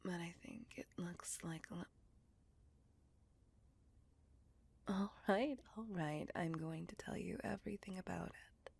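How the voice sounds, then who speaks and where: Amused and teasing, a woman voices a possessive, doting vampire who has lived for centuries, whispering softly and breathily to coax the listener in an intimate ASMR roleplay. Her lowish voice stays steady at a normal speed.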